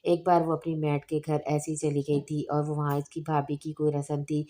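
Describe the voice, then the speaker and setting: A woman narrating a romance novel in a steady, even audiobook reading. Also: low-pitched, normal speed.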